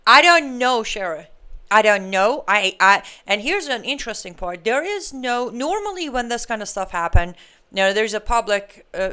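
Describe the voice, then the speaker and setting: Woman host of a live political commentary stream, smooth and emphatic, argues hard and turns sarcastic. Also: mid-range voice, pushed and bright. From Iran. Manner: emphatic, argumentative, with sarcastic asides.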